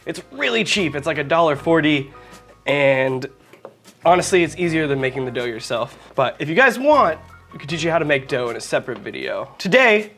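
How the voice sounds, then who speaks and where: High-voiced joking man hosting a cooking show. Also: big pitch swings, brisk, fairly bright tone, soft background music. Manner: jokey, chatty, addresses viewers directly. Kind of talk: casual cooking demonstration.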